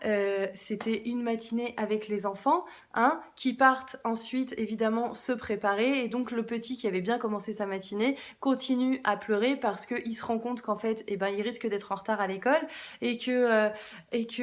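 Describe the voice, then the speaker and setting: Mom vlogger, woman in her thirties, slightly high voice, chatty and hesitant, speaks straight to the viewer. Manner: chatty and hesitant, many fillers, addresses viewer directly. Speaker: parenting vlogger, mother. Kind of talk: casual storytelling vlog.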